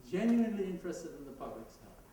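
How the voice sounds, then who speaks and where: A high-pitched, very animated man with a Jamaican accent talks fast and warmly during a conversational conference presentation, laughing at his own asides. The mic sounds distant in an echoey hall, with background noise.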